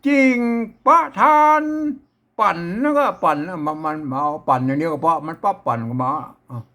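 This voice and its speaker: A man with a Northern Thai accent teaching old verse writing, chanting lines and then explaining them in a relaxed way. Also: fast. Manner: switches between high sung chanting of verses and low relaxed explaining.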